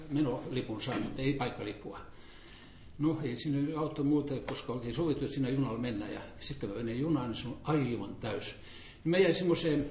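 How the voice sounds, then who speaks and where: An older man from Finland telling animated stories about church gatherings and selling books, acting out the voices he quotes and chuckling often. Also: mid-range voice. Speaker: storyteller recounting church and book-selling experiences. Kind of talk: lively anecdotal storytelling. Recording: roomy echo, faint background hiss.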